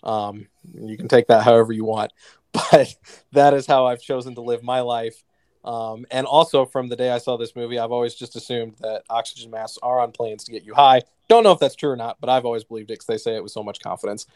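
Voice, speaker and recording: A man's voice: medium pitch, fairly even intonation, a little fast, darkish tone, no room sound. A man hosting a casual movie podcast, joking and rambling as he wraps up the episode. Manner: jokey, rambling, wraps up the show. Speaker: podcast host.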